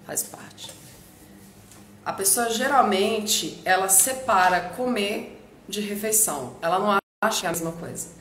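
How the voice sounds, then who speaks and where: A woman's voice: medium pitch, fairly bright tone. A woman hosting a live stream, explaining directly and addressing her viewers. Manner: direct, speaks straight to viewers. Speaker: nutrition live stream host. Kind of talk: instructive live talk to viewers. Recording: echoey room with faint background noise.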